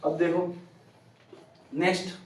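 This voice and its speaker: A man's voice: high voice, level tone, slow, a little hiss or hum. A male English grammar teacher quizzing his class and repeating their answers back. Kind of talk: classroom teaching in call-and-response. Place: classroom with students. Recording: echoey classroom from far off.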